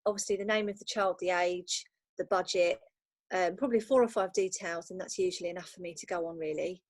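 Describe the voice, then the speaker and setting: A woman speaks as a podcast guest from a bedroom at home, the sound dry and close. She is agreeable and reflective, often affirming with a quick "absolutely.". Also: lowish voice, steady tone, no room sound. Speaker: virtual assistant, guest. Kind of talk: casual chat.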